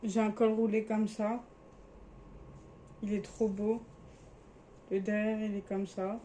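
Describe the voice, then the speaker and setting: A woman's voice: mid-range voice, level tone, slow pace, mellow, slight background noise. A young woman casually showing her clothes in a vlog, chatty and sometimes hesitant as she searches for words. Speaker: vlogger.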